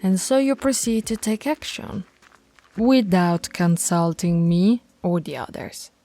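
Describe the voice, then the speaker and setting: In an ASMR audio roleplay, a woman plays a stern, commanding female werewolf pack alpha who is bossy and scolding, at times dropping into soft whispers. Her voice is lowish and unhurried with lively intonation, and faint music plays behind her.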